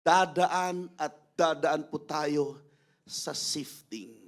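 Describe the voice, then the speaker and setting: A man preaching to a church congregation in a lively, mixed Filipino-English sermon. His voice sits high for a man. He swings between soft, measured storytelling and sudden shouts, and he acts out the quotes he tells. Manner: animated, shouting, laughing, acting out quotes.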